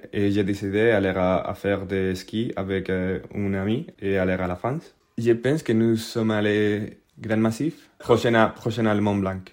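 A young man from Spain with a Spanish accent, telling a personal story in hesitant French as a non-native speaker, often pausing with fillers as he searches for words. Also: on the low side, darkish tone. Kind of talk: casual spoken anecdote.

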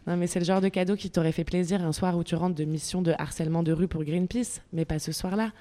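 A woman playing a spacey, self-absorbed housemate who rambles in deadpan asides in a comedy radio sketch. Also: lowish voice, quick pace, lightly acted. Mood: wry. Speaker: guest testimony.

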